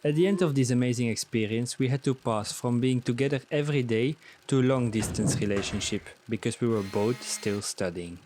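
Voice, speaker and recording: A young man, calmly narrating a travel vlog voice-over. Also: medium pitch, brisk, few pauses, background noise. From Belgium. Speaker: travel vlogger. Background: music.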